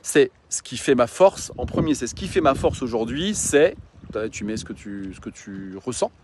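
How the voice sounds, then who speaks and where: A man's voice: mid-range voice, big pitch swings, normal speed, background noise. A man, a coach and mountain guide, talking earnestly and informally to his followers, with frequent fillers and restarts. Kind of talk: casual informal talk to followers.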